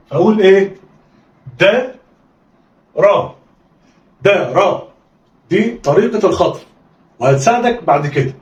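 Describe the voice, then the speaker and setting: A high-voiced man with an Egyptian accent leads a children's phonics drill, calling out sounds and urging the pupils to repeat. He encourages them warmly and praises them often. He is heard from a distance in an echoey room with a dull, lo-fi sound. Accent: Egyptian Arabic. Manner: call-and-response drilling, coaxing pupils to repeat. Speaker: Arabic teacher.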